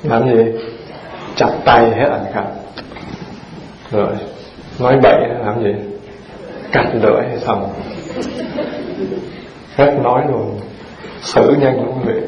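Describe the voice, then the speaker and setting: A male Buddhist monk gives a dharma talk in a mid-range voice, drawing in his listeners with homely jokes and one question after another. The recording is roomy and muffled, and a large audience is heard in the room. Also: medium pitch. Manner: lively rhetorical questions to the audience, folksy and humorous. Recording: roomy dull hall recording with audience present.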